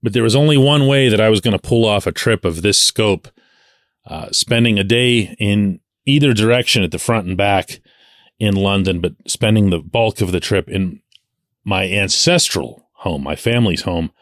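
A man in his forties hosts his own sports podcast, talking alone in a lively way and leaning hard on the words he stresses. His voice sits low. The sound is dry and close, with no room around it. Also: normal speed, dry recording. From Pittsburgh. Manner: animated, emphatic, stretches key words. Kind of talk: solo sports podcast talk.

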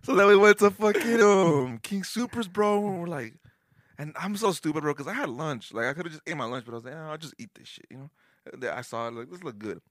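Bright-voiced young frat-bro podcast host, male. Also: on the high side, expressive, fairly quick, dry recording, studio quality. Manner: frat-bro slangy talk, full of "bro", swearing. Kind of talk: casual podcast banter.

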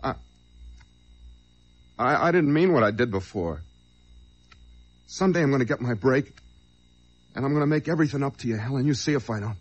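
A frantic cornered small-time crook. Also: male voice, mid-range voice, animated, brisk, long pauses, breathy edge. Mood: pleading. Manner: frantic, stammering, pleading. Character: desperate small-time male crook on the run. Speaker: lead actor and narrator of the story. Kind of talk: 1940s radio acting. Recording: hissy old radio drama recording.

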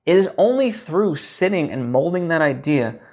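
A man's voice: on the high side, animated, normal speed, creaky, dark tone. A young man hosting a podcast, explaining writing advice in a loose, rambling way with many restarts. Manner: rambling, full of fillers and restarts. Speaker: podcast host. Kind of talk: casual teaching talk.

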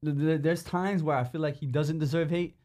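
A man's voice: on the high side, fairly even intonation, a little fast, warm tone. A man chatting casually on a podcast in informal slang, often repeating words as he goes.

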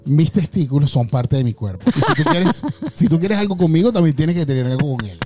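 A man's voice: a little high, sing-song, a little fast, warm tone, faint music behind. A man co-hosting a podcast, trading crude jokes with plenty of teasing and laughter. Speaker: podcast co-host. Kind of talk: playful casual banter.

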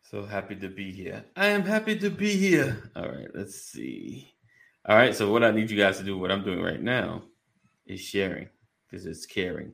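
A man's voice: low voice, normal speed, vocal fry, fairly bright tone. A man hosting a casual live show with the joking, informal patter of a morning radio DJ, chatting to his audience. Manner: jokey morning radio DJ patter, greeting listeners by name; informal, colloquial phrasing. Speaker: host of a live online men's community show.

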